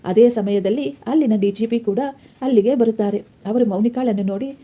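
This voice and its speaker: Female storyteller, steady narrator, deep mellow tone. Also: moderate pace, breathy edge. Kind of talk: read-aloud moral story narration.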